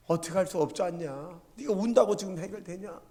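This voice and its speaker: A man's voice: sits high, a little fast, mellow, long reverb tail, pitched above the performer's own voice, natural voice. A man voicing a frustrated mother who nags her child with reproachful questions. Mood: nagging.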